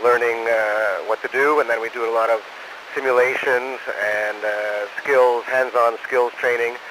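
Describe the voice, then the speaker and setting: A man, an astronaut, answering questions in an unscripted, halting way over a space radio transmission. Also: medium pitch, fairly even intonation. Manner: halting, saying "over" after each answer. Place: aboard the space station. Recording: noisy space-to-ground radio link.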